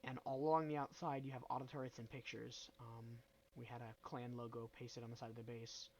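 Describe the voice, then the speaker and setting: A young man with a head cold describes his game build in a loose, rambling way, and his medium-pitched voice sounds stuffy and nasal. He speaks fairly quickly with little pitch movement and a slightly mellow tone, full of ums, restarts and self-corrections. He comes across as a casual gaming host at a desk mic, and the recording quality is low.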